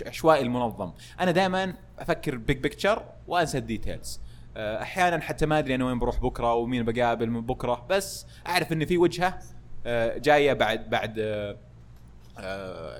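A young man, a podcast guest in casual chat, speaking loudly with lots of laughter. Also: mid-range voice. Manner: loud, lively, laughs often.

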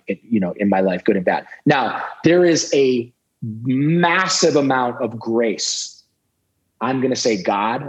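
Candid low-voiced man telling his story. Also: poor audio. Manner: candid, profane, reflective. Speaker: podcast guest. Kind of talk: personal storytelling.

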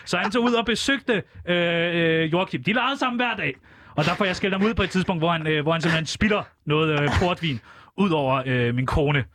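A man in a radio studio, playing an interview guest and telling a rambling story in a deadpan comic way, with hesitant fillers. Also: on the high side, a little hiss or hum.

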